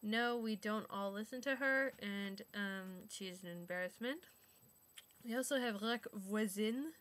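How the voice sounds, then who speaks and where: A woman's voice: mid-range voice, a little slow, a bit bright. Chatty young woman from Montreal. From Montreal, Quebec. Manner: chatty, filler-heavy, sarcastic asides. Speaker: vlogger. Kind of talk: casual chat to camera.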